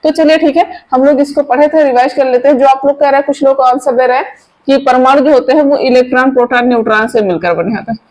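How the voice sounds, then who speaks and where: A woman with a high, light voice giving an online chemistry lesson. She talks informally and keeps firing quick questions at her students, coaxing them to answer straight away. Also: steady tone, darkish tone, low-quality recording. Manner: chatty, asks the viewers quick questions. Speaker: chemistry teacher.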